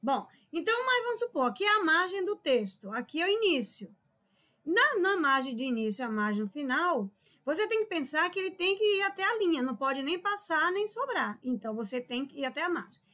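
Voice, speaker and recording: High-pitched woman teacher in her 40s, emphatic online lesson, chatty scolding tone. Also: sing-song, brisk, bright, forceful tone. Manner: chatty, scolding, emphatic, calls viewers "povo lindo".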